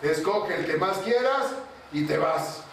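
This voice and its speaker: A man playing a calm, commanding king in a told parable. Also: high-pitched, a little slow, a little hiss or hum, full character voice. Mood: soothing. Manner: soothing, commanding. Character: calm powerful male king of a palace. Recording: echoey room, far from mic.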